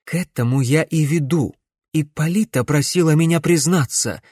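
A man reading an audiobook, voicing a stern middle-aged woman necromancer who speaks in a measured, insistent way. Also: mid-range voice, expressive, darkish tone, no echo, clean studio sound, close to an everyday voice.

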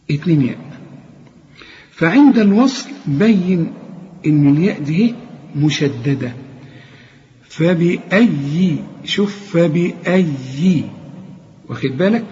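A man with an Egyptian accent teaching Quran recitation, explaining each rule step by step and then chanting the words slowly. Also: on the high side, mellow. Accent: Egyptian Arabic. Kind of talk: tajweed lesson with chanted examples. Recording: dull lo-fi recording with long reverb.

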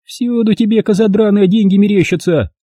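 A man's voice: high voice, sing-song, a little fast, mellow, breathy edge, no room sound, studio quality, voice pushed up, heavily acted. A man reading an audiobook, voicing a harsh, scornful middle-aged woman who scolds coarsely.

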